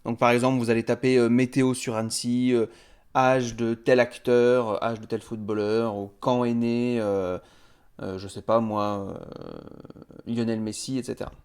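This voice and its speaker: A man's voice: medium pitch, little pitch movement, moderate pace, a little mellow, clear, resonant tone. A man giving a casual video tutorial as a web marketing trainer, talking step by step with frequent hesitations. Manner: chatty, explains step by step with frequent "euh" fillers.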